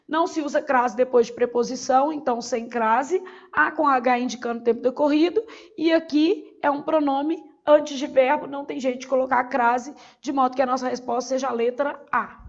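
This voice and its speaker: Speaking quickly with a high voice and fairly even intonation, a Brazilian woman runs a Portuguese exam-prep class on lo-fi audio. Her didactic style has her raising questions only to answer them on her own.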